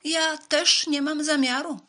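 A woman voicing a pushy little grey mouse in a children's storybook, with a high squeaky voice and loud insistent lines. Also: very animated, a little slow, slightly rough, exaggerated voice. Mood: stubborn.

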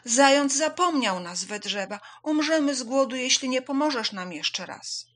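A woman voicing a confident, quick female zebra who speaks boldly and earnestly. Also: medium pitch, animated, fairly bright tone, slightly rough, pitched above the performer's own voice, full character voice.

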